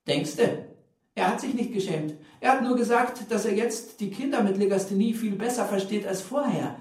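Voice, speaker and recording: Man voicing a cheeky schoolboy, sly, feigning innocence, high voice, echoey storybook reading. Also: expressive, moderate pace, a little mellow.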